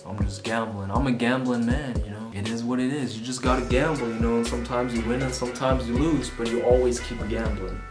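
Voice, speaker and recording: Speaking a little fast with hardly any pauses, this man has a mid-range voice and fairly even intonation. He is a vlogger and musician in his 20s, born in Vietnam, chatting loosely to camera about music, self-conscious and swearing now and then. Music plays beneath a roomy recording.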